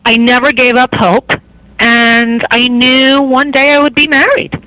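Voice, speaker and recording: A woman's voice: high-pitched, flat delivery, measured pace, sharp tone, poor audio. A woman in her forties with a Long Island accent, talking candidly as an interview guest and repeating phrases for emphasis. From Long Island, New York, USA. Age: 40s.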